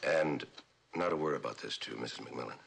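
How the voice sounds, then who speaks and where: An actor playing a harried, dryly humorous police commissioner in a 1970s TV crime drama, talking briskly. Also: male voice, a bass voice, gravelly, a bit bright, breathy edge, exaggerated voice.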